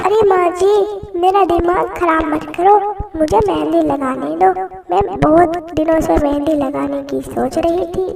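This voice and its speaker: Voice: very high-pitched, fairly even intonation, measured pace, creaky, a little mellow, exaggerated voice. A performer voicing a tearful young daughter-in-law in a cartoon skit, whining as she talks. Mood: whiny. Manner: whiny, crying tone. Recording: distant, roomy, noisy.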